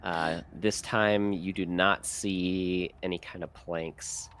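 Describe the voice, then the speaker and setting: A man narrating as game master in a halting way, with many fillers. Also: low voice, fairly even intonation, fairly bright tone, slight background noise.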